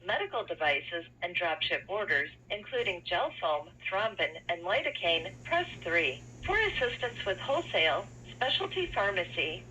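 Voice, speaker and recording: Bright woman's recorded phone menu message. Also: mid-range voice. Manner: measured, carefully enunciated prompts. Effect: recorded phone message heard over speakerphone. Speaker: automated phone menu announcer. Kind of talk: recorded customer service menu. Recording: dull phone line with faint hiss.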